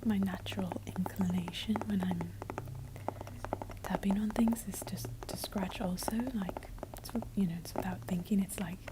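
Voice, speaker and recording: A woman's voice: medium pitch, steady tone, moderate pace. Whispering ASMR woman with finger tapping. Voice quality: breathy, mostly unvoiced whisper. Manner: intimate casual rambling while tapping on items. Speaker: ASMR video creator. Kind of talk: whispered, soft-spoken ASMR. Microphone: close ASMR microphone. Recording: close noisy mic with tapping and clicks. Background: finger tapping and clicking on objects.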